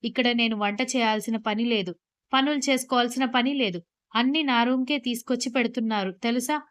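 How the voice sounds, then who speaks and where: A woman voicing a gentle, affectionate older mother chatting with her daughter in a storybook reading. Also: fairly high pitch, brisk, lightly acted.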